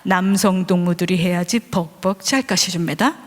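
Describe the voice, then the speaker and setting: A gruff, impatient middle-aged North Korean man, as a woman preacher puts him on, clipped and blunt in his dialect and pitched a bit lower than her own voice. The words ring through a big hall with a long tail of reverb. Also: moderate pace, close to an everyday voice. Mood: sheepish.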